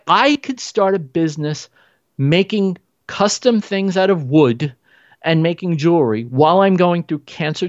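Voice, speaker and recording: A man's voice: a little high, dry recording. Earnest motivational man, dry lo-fi sound. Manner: earnest, motivational, emphatic repetition. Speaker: podcast guest. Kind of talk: casual conversation.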